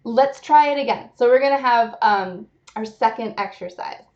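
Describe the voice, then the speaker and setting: A young woman teaching laughter yoga in a playful, upbeat way, breaking into loud rhythmic ho-ho-ha-ha chants between her explanations, recorded at home on a computer mic. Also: fairly high pitch, moderate pace, highs cut off. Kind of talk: guided laughter exercise lesson.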